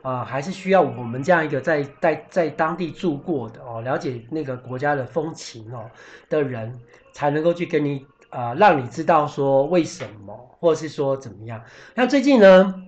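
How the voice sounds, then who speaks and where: A man's voice: mid-range voice, normal speed, muffled recording. A man hosting a casual podcast, talking in a chatty, explanatory way with many fillers and restarts, sometimes spelling out foreign words. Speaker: podcast host.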